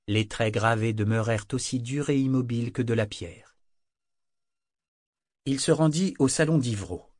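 A man's voice: mid-range voice, darkish tone, dry recording, studio quality. Man narrating a fantasy audiobook. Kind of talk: scripted narration.

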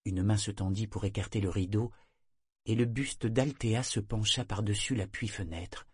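Man, audiobook narrator, low voice, dry close recording, measured delivery. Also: a little mellow, slightly rough, no room sound. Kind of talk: scripted novel narration.

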